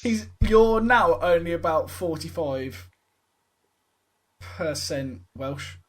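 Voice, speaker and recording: A man's voice: fairly high pitch, lively intonation, slow pace, a crowd in the background. A man co-hosting a podcast, teasing his friends and swearing freely in casual banter. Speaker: podcast co-host.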